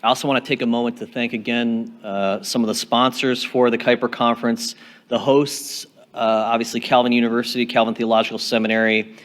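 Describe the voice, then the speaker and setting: A man's voice: medium pitch, little pitch movement, a little fast. A man reading announcements and introducing a speaker at a conference, plain and a little hesitant. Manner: plain, slightly hesitant with fillers. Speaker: conference moderator. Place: conference session room.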